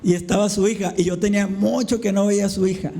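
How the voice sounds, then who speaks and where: A man's voice: high-pitched, fairly even intonation, fast talker, dark tone, slight background noise. A male pastor preaching a conversational sermon at a church service, telling a story and often calling the congregation brothers. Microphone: recorded preaching mic.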